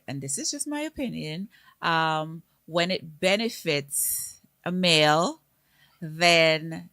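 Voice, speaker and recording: A woman's voice: deep voice, fairly bright tone, no room sound. A woman co-hosting a casual live-stream chat with her husband, explaining her view earnestly through repeated examples. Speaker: co-host.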